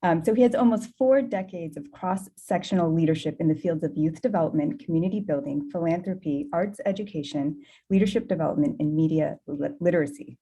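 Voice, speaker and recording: A woman's voice: deep voice, brisk, hardly any pauses, a little hiss or hum. A woman moderating a video call, reading out a long introduction of the guest speaker. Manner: warm, slightly breathless reading with small laughs.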